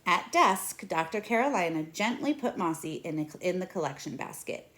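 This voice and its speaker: Reading a children's picture book aloud in a small indoor room at home, a woman in her thirties uses a slightly low voice with a bit of brightness. Her delivery is animated, deliberate, and expressive, in a storyteller's manner.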